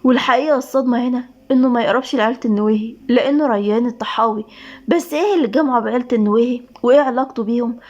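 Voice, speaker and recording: A woman's voice: fairly high pitch, racing, a little mellow, lo-fi sound. A woman with an Egyptian accent narrating a dramatic romance story with emotive reading. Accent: Egyptian Arabic.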